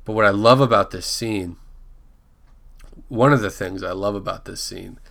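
Guy on a podcast rambling through an episode recap, lowish voice, keeps fixing himself. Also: normal speed, vocal fry, a bit bright. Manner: rambling, restarts and self-corrects names. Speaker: podcast co-host. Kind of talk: casual chat recapping a TV episode.

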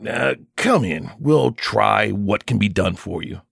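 A man reading an audiobook, voicing a heavy-set rural father of the house who speaks roughly and bluntly. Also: fairly low pitch, expressive, takes it slowly, a bit bright, no room sound, clean studio sound, exaggerated voice. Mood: relenting.

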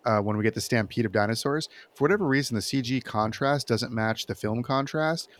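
A man's voice: medium pitch, a little fast. A man chatting casually about film as a podcast panelist, with an enthusiastic, rambling delivery.

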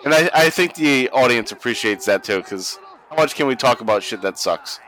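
A man's voice: mid-range voice, expressive, normal speed, a bit bright, a little hiss or hum, poor audio. A young man co-hosting a podcast, watching old wrestling and chatting casually, profane and laughing a lot. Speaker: podcast co-host. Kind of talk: casual watch-along commentary.

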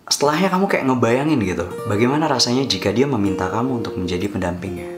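A man's voice: medium pitch, expressive, fast. A man talking casually to his vlog viewers in a chatty, reassuring way, switching between Indonesian and English. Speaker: vlogger. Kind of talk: casual talk to camera. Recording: echoey room with soft guitar music.

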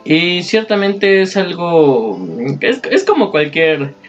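Slow, measured podcaster. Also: male voice, high-pitched, sing-song. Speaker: podcast co-host. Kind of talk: casual chat about anime. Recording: slightly dull podcast audio with faint music.

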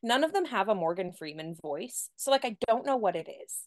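A woman's voice: medium pitch, animated, fairly quick, dry recording, studio quality. A young adult woman chatting as a podcast guest, telling stories with lots of "like" and laughter. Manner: chatty storytelling with frequent "like" and laughs. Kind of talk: casual chat.

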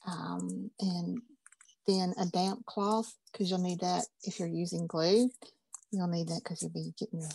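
Lady walking folks thru a craft project, bit of gravel in her voice, dry close sound. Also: lowish voice, level tone, unhurried, darkish tone, no echo. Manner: folksy, chatty, upbeat. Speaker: craft teacher. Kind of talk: casual craft class instruction.

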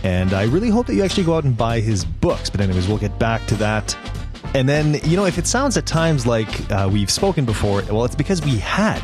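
A man's voice: mid-range voice, big pitch swings, brisk, music in the background. A man with a French accent hosting an education podcast, eager and a little rambling, restarting his sentences. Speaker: podcast host. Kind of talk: podcast interview.

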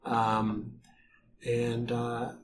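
A man narrating a tabletop game as game master, improvising scenes in short, halting phrases. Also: mid-range voice, monotone, background noise.

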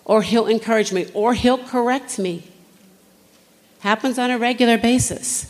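A woman's voice: a little high, normal speed. A woman giving an earnest sermon-style talk at a women's conference, asking the audience direct questions. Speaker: conference speaker. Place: conference hall. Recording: long hall reverb.

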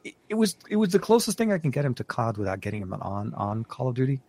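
A man's voice: medium pitch, sing-song, fast, dark tone, dry recording. Male podcast co-host, casual rambler, many restarts and fillers, dry close mic. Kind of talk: casual tech podcast chat.

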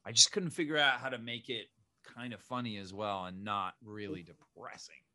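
A man's voice: on the low side, fairly even intonation, moderate pace, sharp tone, dry recording. A man born in Zimbabwe, a filmmaker chatting casually in an interview, rambling with many restarts and fillers. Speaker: filmmaker guest.

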